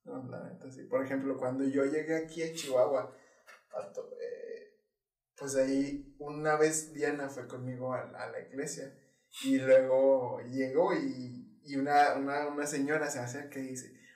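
A young man with a Mexican Spanish accent in a casual chat, speaking in a reserved way that often goes slow and quiet. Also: mid-range voice, fairly even intonation. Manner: reserved, slow and quiet when talking about himself. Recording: roomy sound, a little far from the mic.

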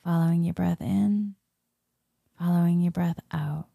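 Female meditation leader; soothing half-whispered murmur, very dark mellow tone, dry close sound. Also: lowish voice, fairly even intonation, unhurried, no room sound. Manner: soft, breathy, soothing spa-like murmur, often slipping into whisper. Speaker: guided meditation leader, Reiki healer. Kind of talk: soft guided meditation.

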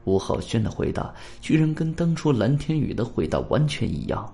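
A man narrating a suspense audiobook in the first person, calm, measured and earnest. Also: mid-range voice, creaky. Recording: faint background music.

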